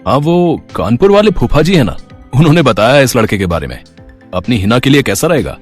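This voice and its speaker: An easygoing middle-aged father in a cartoon story, as a man acts him out, jovial and fond of teasing. His mid-pitched voice moves in an animated way, with faint music underneath. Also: a little fast, lightly acted.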